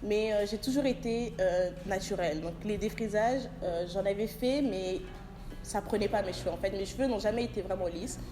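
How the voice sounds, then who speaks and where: A woman's voice: medium pitch, moderate pace, soft background music. Thoughtful woman from France, echoey room. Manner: soft, thoughtful, hesitant. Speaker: panel guest. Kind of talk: casual discussion.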